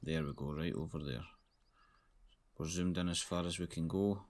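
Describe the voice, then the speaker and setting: Male gamer, deep voice, low-key running commentary while playing. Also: fairly even intonation, moderate pace, a little mellow. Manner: low-key, thinking aloud. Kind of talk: casual gameplay commentary.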